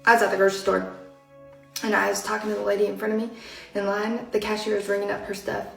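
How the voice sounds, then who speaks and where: A woman telling a story in a chatty, animated way. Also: medium pitch, fast talker, vocal fry, reverberant, far from the mic, soft background music, low-quality recording. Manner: chatty, animated, acts out quoted lines in hushed whispers. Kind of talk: casual storytelling.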